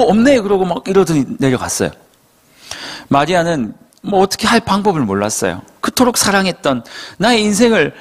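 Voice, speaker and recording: A male pastor preaching a sermon as lively storytelling full of rhetorical questions. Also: high voice.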